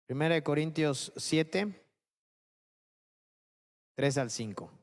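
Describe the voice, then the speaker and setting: A man's voice: a little high, lively intonation, slow pace. A man preaching a sermon as pastor, who keeps checking in with his listeners and asks rhetorical questions.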